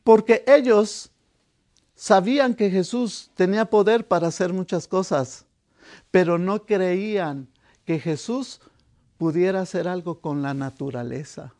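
A man with a high voice preaches in a slow, drawn-out delivery. He tells the story with drama, dropping to a hush and then rising to a shout as he acts out the voices. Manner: dramatic, acting out the disciples' voices; swings from hushed to shouted. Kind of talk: sermon.

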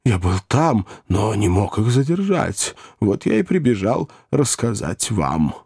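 A man's voice: on the low side, big pitch swings, vocal fry, darkish tone, slightly rough, no room sound, clean studio sound, full character voice. A man voicing a timid, breathless male servant reporting news. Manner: timid, hurried.

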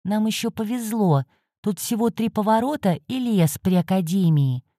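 A woman's voice: mid-range voice, normal speed, mellow, dry recording, studio quality, pitched above the performer's own voice, close to an everyday voice. A woman voicing a grumpy, sarcastic male cat guardian who hisses and scolds. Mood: scolding. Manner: hissing, scolding.

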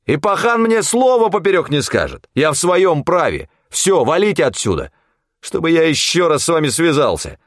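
A man voicing a tough, cynical hunter who snaps and threatens in a gruff, hard way. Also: medium pitch, big pitch swings, moderate pace, no room sound, clean studio sound, pitched above the performer's own voice. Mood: harsh, angry.

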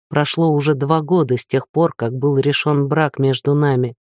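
A man voicing a bitter, proud young man in a storybook reading, speaking quietly and with restraint. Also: mid-range voice, dry recording, clean studio sound, natural voice.

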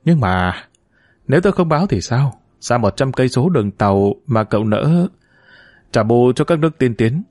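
A man's voice: mid-range voice, lively intonation, moderate pace, a little mellow, no echo, clean studio sound, lightly acted. A man reading the part of a blunt old friend who speaks in a needling, reproachful way.

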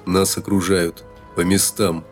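A man's voice: low-pitched, little pitch movement, slow, faint music behind. A male narrator voicing a huge, menacing fighter who growls threats with contempt.

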